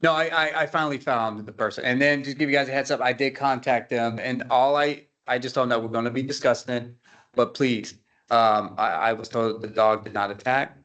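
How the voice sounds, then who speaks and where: Halting man running a committee meeting. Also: medium pitch, steady tone, fairly bright tone, lo-fi sound. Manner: halting, repeats words while explaining. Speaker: committee organizer. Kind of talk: casual meeting talk.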